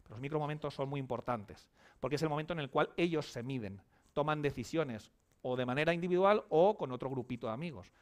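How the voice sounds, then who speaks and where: Male speaker, fairly high voice, emphatic lecture style, poses questions and answers them himself. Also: fast talker, a little mellow. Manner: emphatic, asks and answers his own questions. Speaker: psychologist giving a conference talk. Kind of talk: conference lecture. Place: conference hall.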